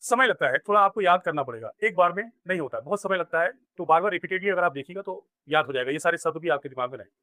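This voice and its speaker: A man's voice: high voice, lively intonation, fast talker, sharp tone, dry recording. A man teaching a grammar lesson, explaining step by step and asking and answering his own questions. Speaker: English teacher. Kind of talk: classroom grammar lesson in Hindi.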